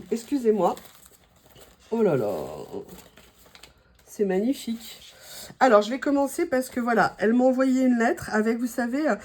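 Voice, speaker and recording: Somewhat high-voiced French woman, a little hoarse, gushing casual vlog chat. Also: a little mellow. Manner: chatty, gushing, many fillers. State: slightly hoarse. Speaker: craft vlogger opening mail.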